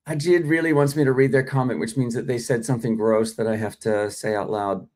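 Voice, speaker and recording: A middle-aged Australian man with a medium-pitched, darkish voice hosts a live acting stream. He chats casually and reads out viewer comments, filling his speech with lots of ums and uhs. The audio comes from a phone or desk mic.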